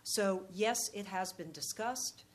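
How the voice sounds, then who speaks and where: Woman answering questions, halting and diplomatic. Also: medium pitch, slight background noise. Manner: halting, measured, diplomatic, frequent pauses and repeated words. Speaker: panel speaker, policy expert or diplomat. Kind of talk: unscripted answers at a public question-and-answer session.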